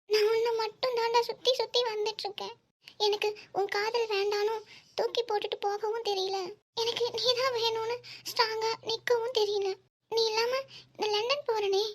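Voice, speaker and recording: A heartbroken young woman in love, voiced by a woman for a cartoon, speaking in a very high, thin voice. She talks in long, emotional, pleading runs, sensitive and proud. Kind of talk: cartoon voice acting.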